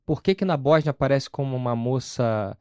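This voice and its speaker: In a dry recording, a Carioca-accented Brazilian man speaks briskly as an interview guest, testifying conversationally about his personal faith. His medium-pitched voice is smooth and somewhat dark. He explains things emphatically and frequently raises questions only to answer them himself.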